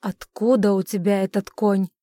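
A woman voicing a stern, furious middle-aged father who accuses and shouts at his daughter in an audiobook. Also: medium pitch, steady tone, normal speed, no echo, studio quality, lightly acted. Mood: angry.

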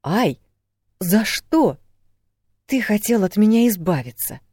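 A man's voice: high-pitched, normal speed, a little mellow, dry recording, clean studio sound, pitched above the performer's own voice, lightly acted. A man voicing a fiery young woman. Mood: indignant. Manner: indignant, pleading, scolding. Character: spirited young woman, quick-tempered and loving. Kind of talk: audiobook reading.

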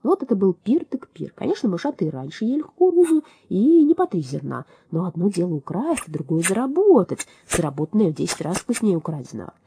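A woman reading a children's storybook aloud in an expressive, lively way. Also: lowish voice, quick pace, few pauses, slight background noise. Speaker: narrator.

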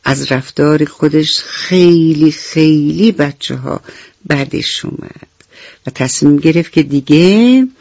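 Gentle woman telling a bedtime story. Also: sits low, dry recording, dull audio. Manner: gentle, affectionate toward children. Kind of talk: bedtime story narration for children.

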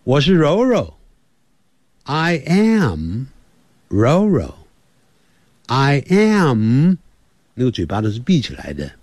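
A man giving a slow English lesson for parents and children, teacherly and lively, repeating words slowly to demonstrate them. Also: medium pitch, breathy edge, dry recording.

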